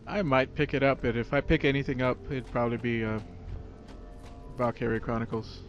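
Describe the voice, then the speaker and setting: A man's voice: mid-range voice, fairly even intonation, a little fast, muffled recording, faint music behind. A man casually talking while he plays a video game, easygoing and joking with his friend. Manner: easygoing, joking, brief replies. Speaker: let's play player. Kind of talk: casual gaming chat.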